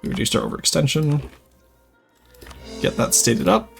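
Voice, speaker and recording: A young man from Quebec, Canada, with a light Québécois accent, streams a strategy game and chats casually with his viewers, reading and answering chat as he goes. His voice is on the high side and creaky, with big pitch swings at a moderate pace, and faint music runs behind it.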